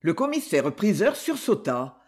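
Husky man narrating expressively. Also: high-pitched, moderate pace. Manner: expressive storytelling. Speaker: audiobook narrator. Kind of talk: scripted narration.

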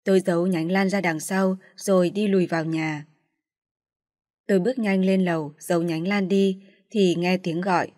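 Brief: calm woman storyteller, dry and close. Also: fairly low pitch, normal speed, no echo. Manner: calm, even reading. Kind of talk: scripted first-person story narration.

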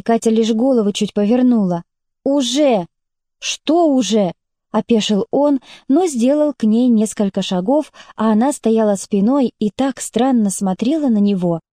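A woman narrating an audiobook in a measured storytelling manner. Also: fairly high pitch, mellow, no echo, clean studio sound. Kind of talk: scripted narration.

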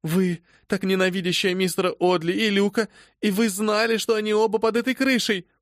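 A man's voice: high-pitched, little pitch movement, fairly quick, no room sound, clean studio sound, voice pushed up, natural voice. A man voicing a frantic, tearful young female servant who pleads breathlessly in an audiobook reading. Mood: pleading. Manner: breathless, sobbing pleas.

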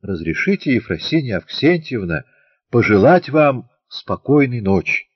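A man's voice: mid-range voice, big pitch swings, unhurried, slightly rough, dry recording, dull audio, voice pushed up. Man doing a drunk pleading young man. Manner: pleading, breathless whispering.

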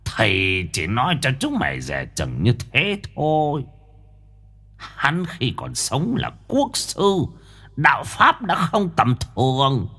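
A man voicing a cryptic, gruff old ghostly master, who lectures slowly in a gravelly voice. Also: mid-range voice, huge pitch swings, pushed and bright, exaggerated voice. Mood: ominous. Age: older. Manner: slow, gravelly mock-wise lecturing.

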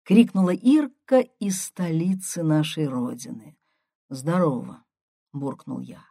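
Slow, low-voiced woman audiobook reader. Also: very animated, gravelly, warm tone, no echo, clean studio sound. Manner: measured, unhurried storytelling. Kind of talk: scripted first-person audiobook narration.

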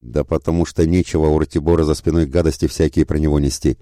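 A man voicing a cheeky young male scribe, the prince's nephew, in an audiobook, sounding mockingly polite with a sharp edge of anger. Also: extremely low pitch, little pitch movement, quick pace, no echo, clean studio sound. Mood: angry. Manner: mockingly polite, then angry.

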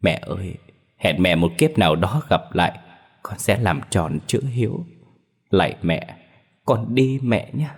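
A man voicing the weeping ghost of a young man in a horror story, sobbing and pleading softly. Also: low-pitched, lively intonation, a little slow, husky, long reverb tail, full character voice. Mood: mournful.

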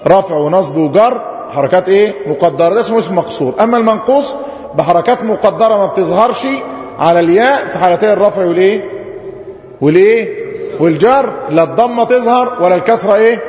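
رجل بلهجة مصرية يشرح درسًا في قاعة فيها صدى. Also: male voice, high-pitched, lively intonation, quick pace, darkish tone. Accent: Egyptian Arabic. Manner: asks the class questions and answers them himself, drawing out example phrases. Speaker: teacher. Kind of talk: grammar lesson to a class. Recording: roomy lo-fi hall recording.

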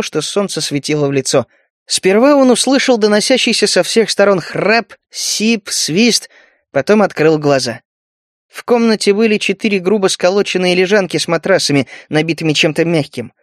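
A man narrating an audiobook in an even storytelling manner. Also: sits high, no room sound, studio quality.

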